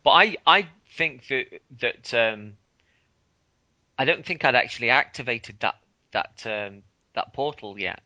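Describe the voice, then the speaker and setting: A man with a very bright, forceful voice chats with his co-host about a game. He hesitates often, with plenty of ums and restarts. It is relaxed podcast banter. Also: medium pitch, measured pace, lo-fi sound. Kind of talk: casual gaming chat.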